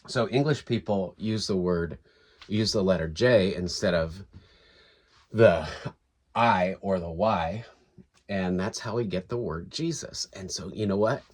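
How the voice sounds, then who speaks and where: A man's voice: deep voice, a little slow, darkish tone. A man giving a casual, unscripted video lesson, explaining step by step with fillers and restarts. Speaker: teacher.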